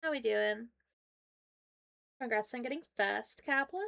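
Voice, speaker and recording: A British woman with a rather high, slightly slow, creaky voice and a fairly bright tone chats casually on a livestream. She talks through a painfully swollen mouth caused by dental trouble, sounding informal and apologetic.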